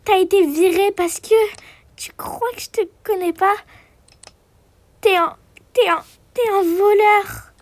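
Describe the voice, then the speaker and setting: A woman's voice: moderate pace, no echo. A woman voicing a frightened young mother who hesitates and stammers as she speaks. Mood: angry. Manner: high-pitched, hesitant, full of fillers. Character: frightened young mother protecting her daughters.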